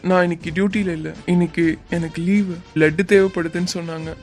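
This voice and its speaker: A man voicing an off-duty young doctor who answers plainly and matter-of-factly, in an animated drama. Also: fairly high pitch, brisk, soft background music, close to an everyday voice.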